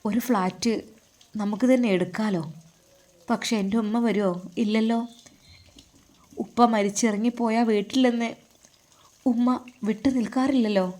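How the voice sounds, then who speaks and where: Woman reading as a soft-spoken young son, earnest and soothing, malabar accent, mellow voice. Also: a little high, fairly even intonation, moderate pace, long pauses, natural voice. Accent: Malabar Malayalam. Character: young unmarried man, gentle devoted son.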